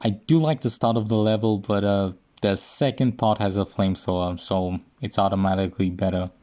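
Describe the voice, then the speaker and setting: Young male gaming host, slightly low voice, loose self-deprecating humor. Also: steady tone, a little fast, warm tone. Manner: joking, self-mocking, rambling. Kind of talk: casual gameplay commentary.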